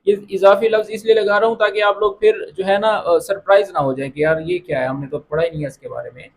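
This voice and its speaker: Man teaching phrases with slow repetition. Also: high voice, steady tone. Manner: repeats each phrase slowly, then explains it. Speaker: Arabic teacher. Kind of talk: language lesson.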